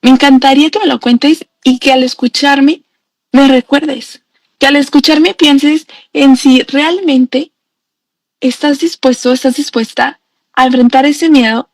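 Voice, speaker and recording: A woman's voice: sits high, steady tone, measured pace, no room sound. Earnest woman telling her story, dry sound. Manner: earnest and intimate, addresses the listener directly. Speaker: personal growth coach. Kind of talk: heartfelt personal storytelling to camera.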